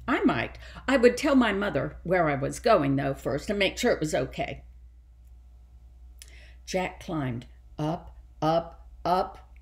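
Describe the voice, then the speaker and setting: A woman librarian telling a children's story aloud, animated and asking the children questions. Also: deep voice, slow.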